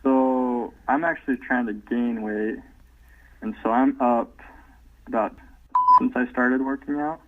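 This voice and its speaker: Man on a tinny low-quality remote call. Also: fairly even intonation, unhurried, long pauses, heavy background noise. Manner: easygoing, many "um" fillers. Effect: low-quality remote call audio. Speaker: podcast guest. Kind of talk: casual interview chat. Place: at home, away from the host. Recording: tinny phone-like remote line.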